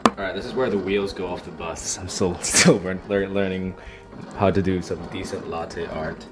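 A man's voice: low-pitched, steady tone, moderate pace. A man with a New Zealand accent chatting playfully in a casual food vlog at home. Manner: playful, enthusiastic, stumbling restarts. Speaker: food vlogger. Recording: light music behind.

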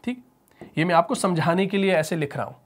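Teaching a tajweed lesson in a Pakistani Urdu accent, this man explains patiently and answers his own questions, chanting the verses slowly. His voice is high with lively intonation, and there's a little hiss or hum.

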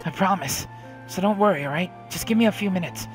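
A man voicing a desperate young man who shouts urgently while trying to save a girl. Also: on the high side, expressive, moderate pace, faint music behind. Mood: determined.

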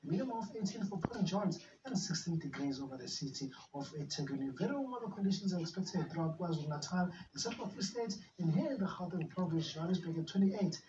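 A South African man delivers a formal weather forecast at a brisk clip. His voice sounds distant and echoey, as if captured from a television across the room. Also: high voice, expressive, dark tone. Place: TV studio, re-recorded from a television set. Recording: roomy, dull, noisy off-screen TV capture.

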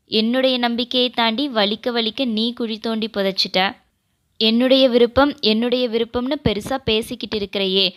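Woman reading an angry young husband, bitter and accusing, smooth clear voice, audio novel. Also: a little high, fairly bright tone, lightly acted. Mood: furious.

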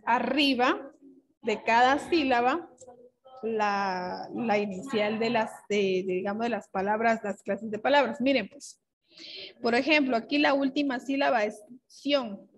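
Patient woman teacher, slightly high voice. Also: poor audio. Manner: patient, explanatory, checks in with "¿verdad?" and "¿sí?". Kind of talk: classroom grammar lesson.

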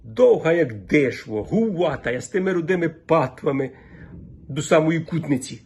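A man voicing a gossipy old village woman who speaks in a Volhynian dialect, chattering rapidly in a raised pitch. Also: lively intonation, a little mellow, a little hiss or hum. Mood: gossiping.

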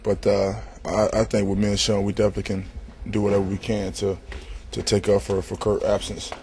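A man's voice: lowish voice, completely flat delivery, brisk, a little mellow, a little hiss or hum. A young man, a basketball player, giving reporters stock answers and repeating words in a practice gym. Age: young adult. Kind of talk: post-practice media interview. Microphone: cluster of handheld reporter mics.

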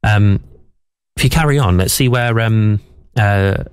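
A man's voice: fairly low pitch, unhurried, clean tone, no room sound, studio quality. A man who is a theatre director, explaining and coaching a reading in a radio conversation, thoughtful with frequent restarts.

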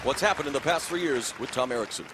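A man calling a fight as play-by-play commentator in a measured, informative way. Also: mid-range voice, expressive, noisy background. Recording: loud music and arena crowd behind. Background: music, roaring crowd.

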